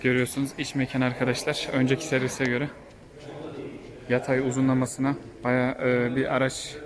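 Chatty man hosting a flat-toned workshop tour. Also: mid-range voice, normal speed, crowd noise. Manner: chatty, with frequent hesitation fillers. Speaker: host touring a car repair shop. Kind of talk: casual vlog interview. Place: car repair workshop.

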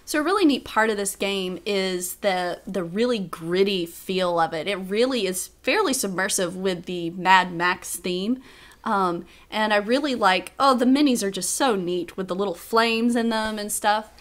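A woman's voice: mid-range voice, moderate pace, fairly bright tone. A woman co-hosting a board game preview, moving from scripted lines into friendly, chatty remarks with a few restarts. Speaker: game reviewer co-host.

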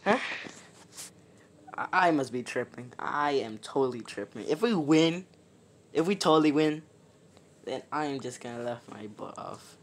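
A gaming YouTuber giving excitable, exclaiming commentary over gameplay, talking straight to viewers. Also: medium pitch, unhurried, long pauses.

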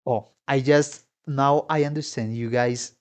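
Speaking a little slowly in a steady, mid-range voice, a man gives exclamatory, slang-filled reactions to game trailers as a musician. He's in a home room with instruments, and game music can be heard behind his voice.

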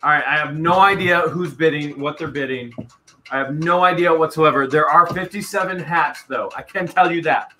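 This live-stream host, a man in his thirties, auctions off storage-unit finds from a small room with a wall of hats behind him. He speaks at a moderate pace in a bright, forceful voice on the high side, keeping things casual and chatty, hyping bids and repeating the numbers. The audio is poor and carries a little hiss or hum.

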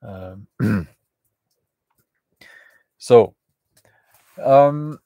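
Slow, halting man live from the woods. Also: medium pitch, lively intonation, warm tone, dry recording. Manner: halting, many fillers and restarts. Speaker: channel host. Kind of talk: live stream chat to viewers. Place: outdoors in the woods at a campfire.

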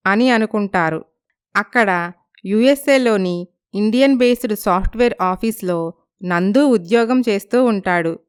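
A woman narrating a storybook in a clear, even reading voice. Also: medium pitch, a little slow.

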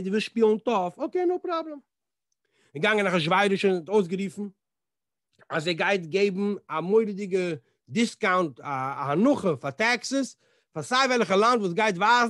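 A rabbi with a high-pitched male voice leads a storytelling Torah class. He is animated, slips into the voices of the characters and drops English words into his speech. The sound is dry and close, with no room echo. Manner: animated, acts out the dialogue in different voices.

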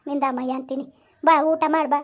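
A woman's voice: high voice, steady tone, quick pace, close to an everyday voice. A woman playing a village mother-in-law, coaxing and scolding in a family drama. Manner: coaxing, repetitive, forceful when threatening her son. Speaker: mother-in-law in a family skit, also addresses viewers.

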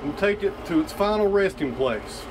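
A man with a fairly high voice narrates his farm work in a chatty, folksy way, talking straight to his viewers. He is recorded outdoors on a camera mic, with loud tractor and engine noise behind him. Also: lively intonation, normal speed. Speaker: channel host. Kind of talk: casual vlog narration while working.

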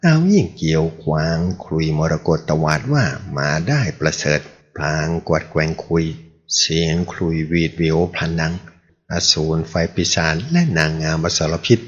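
A man narrating a martial arts novel as an audiobook, in a steady storytelling read. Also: very deep voice, moderate pace. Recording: muffled lo-fi recording.

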